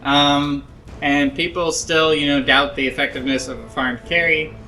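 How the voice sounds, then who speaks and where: A man's voice: a little high, steady tone, normal speed, pushed and bright, faint music behind. A young man giving casual, self-critical commentary over his own match footage, rambling with lots of ums and likes, drowsy and yawning. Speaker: gameplay analyst.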